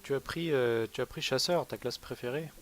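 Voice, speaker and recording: A man's voice: mid-range voice, normal speed, noisy background. A man chatting casually as he co-hosts a live game stream.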